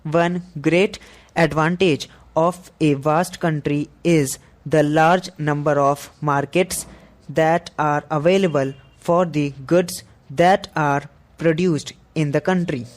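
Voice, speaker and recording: A man reading a scripted dictation for shorthand practice, in a deliberate, measured way with pauses between phrases. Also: fairly high pitch, fairly even intonation.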